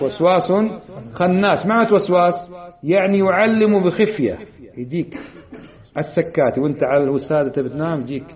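Man, religious lesson, high voice, asks the audience questions, tinny lo-fi sound. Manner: quizzes the audience with rhetorical questions, conversational. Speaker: religious teacher. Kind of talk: Islamic creed lesson. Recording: tinny lo-fi lecture recording.

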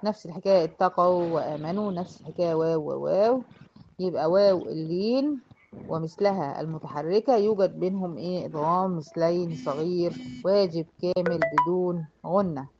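A woman with an Egyptian accent teaching a tajweed lesson. She asks questions and answers them herself, and slows down to model recitation. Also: on the low side, darkish tone, a little hiss or hum. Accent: Egyptian Arabic. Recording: dull lo-fi recording.

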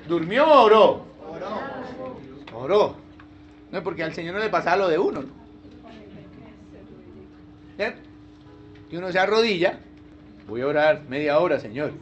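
A man pastor preaching a sermon in a lively, humorous way, full of rhetorical questions. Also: sits high, dull audio.

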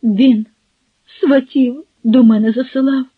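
A woman's voice: sits high, steady tone, slow, voice pushed up, heavily acted. A woman voicing a frightened, pleading young village girl in an audiobook. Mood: distressed. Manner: emotional, pleading. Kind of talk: audiobook character voice. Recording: husky, phone-like, dry.

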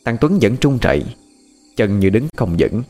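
A man narrating a ghost story in a lively, expressive way. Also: on the low side, moderate pace. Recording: faint music and night crickets behind.

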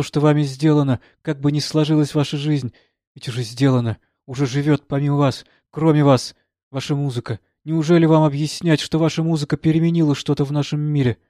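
A man voicing a gentle young woman in an audiobook, speaking quietly and firmly to console. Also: on the high side, flat delivery, a little fast, no room sound, studio quality, close to an everyday voice. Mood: calm. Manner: quiet, firm, soothing. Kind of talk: audiobook character reading.

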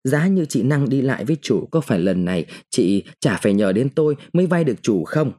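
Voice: medium pitch, big pitch swings, brisk, warm tone. A man reading a story, voicing a sly older go-between who is bossy and impatient. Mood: coaxing, sly.

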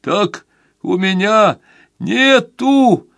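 A man's voice: high-pitched, expressive, very slow, gravelly, fairly bright tone, dry recording, studio quality, voice pushed up, exaggerated voice. A man doing a bitter, nervous drinker. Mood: anxious. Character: shaken, frightened middle-aged drinker.

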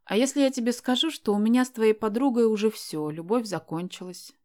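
A woman's voice: fairly high pitch, fairly quick, mellow, pitched above the performer's own voice, natural voice. A woman voicing a self-assured young man in an audiobook, teasing and insistent as he presses a shy girl to go out with him. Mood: pushy.

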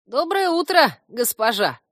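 Creaky, squeaky little male stump spirit, whiny and self-pitying, high and crisp close-up, voiced by a woman. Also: sing-song, a little slow, a bit bright, no room sound, exaggerated voice. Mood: cheerful. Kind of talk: audiobook character voice.

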